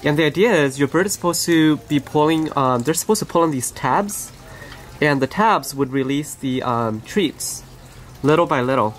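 A pet bird owner and channel host gently narrating pet footage in a casual, conversational way, recorded on the camera mic in an outdoor aviary. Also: medium pitch, lively intonation, normal speed.

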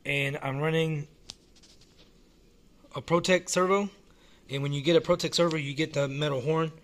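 A man casually talking through a hobby model car while filming it one-handed at home, relaxed and rambling with frequent restarts. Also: fairly high pitch, normal speed. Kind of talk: casual off-the-cuff vlog. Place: small indoor room at home.

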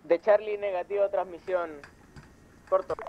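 A man's voice: sits high, steady tone, a little slow. A man calling in over a two-way radio, speaking in clipped radio procedure as a team member. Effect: heard over a two-way radio. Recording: muffled radio transmission with faint noise.

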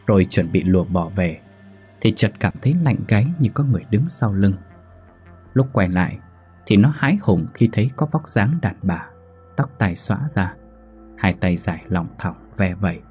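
A man who hosts a ghost story channel, narrating a folk ghost tale in a steady, dramatic manner. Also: sits low, husky. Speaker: storyteller host.

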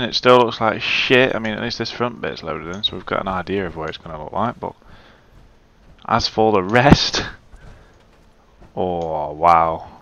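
A man's voice: lowish voice, gravelly, bright, forceful tone, muffled recording. A man giving casual, muttering gameplay commentary and swearing freely. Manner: chatty, swears, mutters to himself. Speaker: let's play gamer.

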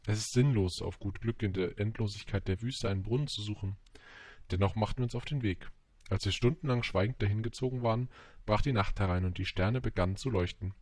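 A man narrating an audiobook in a measured storytelling manner. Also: lowish voice, darkish tone, dry recording. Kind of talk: scripted narration.

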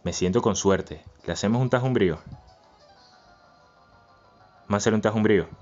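Excitable man narrating a game. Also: on the low side, a little fast, muffled recording, faint music behind. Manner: chants and repeats words, swings between muttering and yelling. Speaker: gaming channel host. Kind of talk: excited let's-play commentary.

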